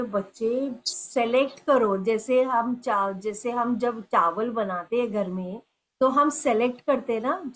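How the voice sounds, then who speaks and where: A middle-aged woman giving a gentle spiritual talk as a meditation teacher, slow and teacherly, full of everyday examples. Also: fairly high pitch, poor audio. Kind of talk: spiritual talk mixing Hindi and English.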